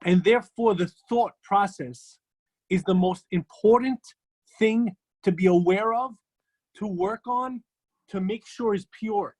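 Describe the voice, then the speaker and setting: Emphatic rabbi teaching an ethics class. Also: male voice, high-pitched, unhurried, darkish tone. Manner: emphatic storytelling, repeating phrases for effect.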